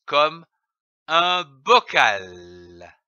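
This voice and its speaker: Slow, bright-voiced man teaching reading. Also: a little high, sing-song, no room sound, lo-fi sound. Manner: slow, deliberate, spelling out letters and syllables. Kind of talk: slow scripted reading lesson.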